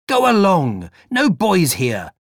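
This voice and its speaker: A man's voice: high-pitched, wildly swooping pitch, takes it slowly, creaky, dry recording, clean studio sound, voice pushed up, full character voice. A man reading aloud voices an elderly aunt with a curt, commanding, emphatic manner. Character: sharp, brisk elderly aunt, woman.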